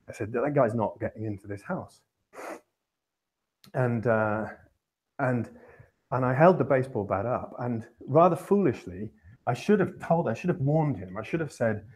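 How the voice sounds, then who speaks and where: A man's voice: mid-range voice, darkish tone. A man hosting a podcast, telling a long personal anecdote in a rambling, self-correcting way with wry chuckles. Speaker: podcast host. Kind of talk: casual anecdote storytelling.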